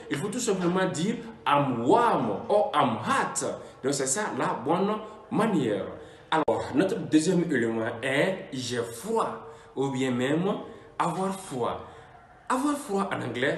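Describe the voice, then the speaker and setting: A man teaches a language lesson at an unhurried pace. He repeats every example phrase with care. His fairly high voice rises and falls a lot, and it rings in an echoey room. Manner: repeats each phrase slowly and deliberately, drawing out example words. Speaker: English teacher.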